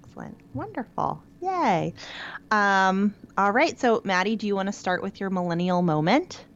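Bright-voiced chatty woman podcast host. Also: mid-range voice, animated, normal speed. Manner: upbeat, chatty, with frequent fillers. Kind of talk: casual podcast chat. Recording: dull lo-fi sound.

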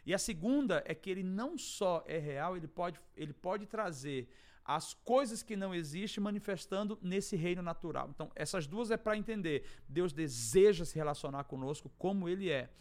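High-voiced Brazilian man telling a dramatic story. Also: expressive, moderate pace. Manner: dramatic, acts out dialogue, swings from hushed to shouting. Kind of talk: animated testimony storytelling.

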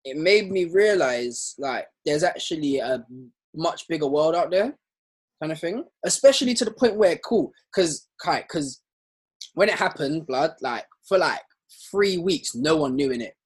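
A young man with a London roadman accent and a husky voice, chatting casually in slang and repeating himself to make his point. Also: fairly high pitch, lively intonation, unhurried. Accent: London, urban roadman slang. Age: young adult. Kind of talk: casual group chat.

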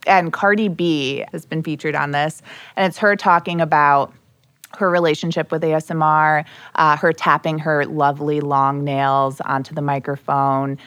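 A woman with a low voice chats upbeat on a podcast, laughing now and then as she walks through examples. The recording is dry and close, with no room sound. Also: level tone, moderate pace, a bit bright, no echo. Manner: upbeat, laughs often, explains trends with examples. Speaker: podcast guest, strategy executive. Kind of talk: casual podcast conversation.

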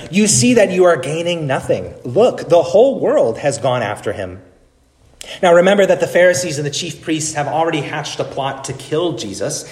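A man preaching a sermon as pastor, wry and conversational. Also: on the high side. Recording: roomy church echo.

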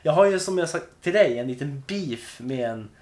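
Lively, animated man telling stories. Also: on the high side. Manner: animated, joking storyteller. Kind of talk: casual chat.

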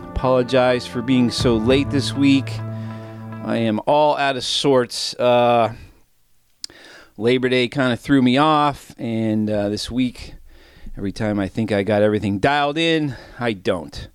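A man's voice: medium pitch, unhurried, clear, resonant tone, no room sound, studio quality, faint music behind. A middle-aged man hosting a sports betting podcast, a bit out of breath and rambling off on tangents in casual solo chat. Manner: rambling, self-deprecating, goes off on tangents.

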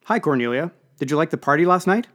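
A man's voice: medium pitch, fairly even intonation, fast talker, a little mellow, natural voice. A man voicing a bubbly, enthusiastic young female intern who is athletic and breezy.

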